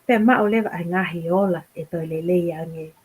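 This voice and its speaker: A woman's voice: lowish voice, fairly quick, slight background noise, rough recording. A woman with a Tongan accent, giving an encouraging address as a guest speaker. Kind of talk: encouraging address mixing two languages.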